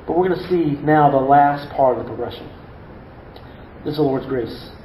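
A man's voice: on the high side, normal speed, dark tone, roomy sound, a little hiss or hum, rough recording. A male pastor preaching a sermon earnestly, often repeating words and asking rhetorical questions. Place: church.

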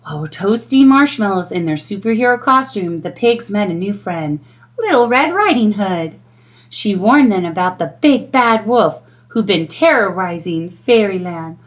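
Reading a children's storybook out loud, a middle-aged woman takes a measured pace. Her voice sits in the mid range, and she tells the story expressively.

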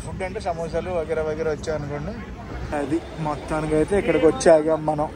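A man with a slightly high voice is a travel vlogger filming a night train journey, chatting to viewers as stations go by. He's chatty and addresses his audience directly. The recording is noisy, taken inside a moving train carriage with rattle and station noise in the background.

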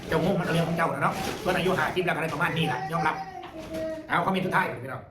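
A man's voice: a little high, steady tone, very fast, recorded from a distance. A man with an Isan Thai accent who hosts a channel, chatting casually and laughing as he reads viewer comments aloud. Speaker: channel host reading comments. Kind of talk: casual chat. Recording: echoey room with loud background noise.

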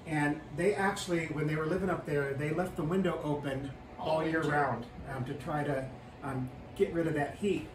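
A man in his fifties, his voice on the high side with a steady tone and moderate pace, gives a casual, matter-of-fact tour of his small wood-paneled tiny house, explaining things plainly with frequent ums. A camera a few feet away captures it, so the sound is roomy and slightly distant with faint hiss.

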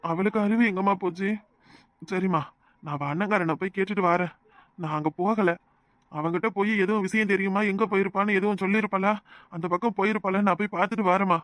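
A distraught grown village son from a cartoon, voiced by a man, pleading with a Tirunelveli Tamil accent. His voice is rather high for a man, and the recording is close and dry. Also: steady tone, fast talker, fairly bright tone, no room sound. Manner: pleading, despairing.

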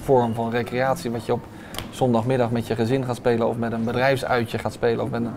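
With a flat delivery that runs a little fast, a restaurant owner in his thirties answers an interviewer, pausing on many hesitant fillers. His mid-range voice is captured by a lapel mic in a bright dining room with background noise.

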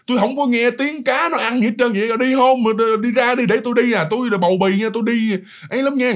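Southern vietnamese guy doing a cranky pregnant lady, high and quick. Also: lively intonation. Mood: impatient. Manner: pleading, scolding. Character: annoyed pregnant young woman, impatient.

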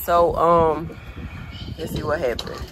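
A woman vlogging to camera as a mother catching viewers up, with a hoarse voice and loose, rambling talk full of fillers, recorded outdoors on a porch. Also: low voice, level tone, takes it slowly. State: hoarse, voice going in and out. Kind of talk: casual chat to camera. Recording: loud background noise outdoors.

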